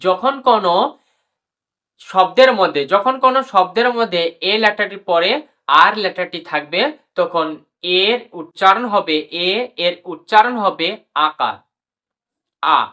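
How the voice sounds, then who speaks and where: With long pauses and a slightly slow pace, a woman teaches English pronunciation in a fairly low, pushed, bright voice. She repeats every rule, spells out letters and drills words, calling viewers brother and sister.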